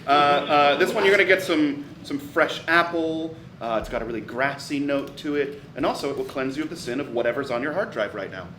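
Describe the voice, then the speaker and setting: A man acting as sommelier at a live comedy show, explaining wines in a deadpan way and slipping in absurd asides without changing tone. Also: a little high, a little fast, hardly any pauses. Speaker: sommelier guest. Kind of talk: live comedy wine tasting. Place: small live venue on stage. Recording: roomy live venue, from far off, noisy.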